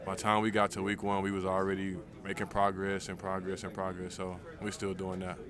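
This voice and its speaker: A man's voice: low-pitched, completely flat delivery, brisk. A young man, a defensive football player, giving casual locker room interview answers. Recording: crowd chatter behind. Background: crowd noise.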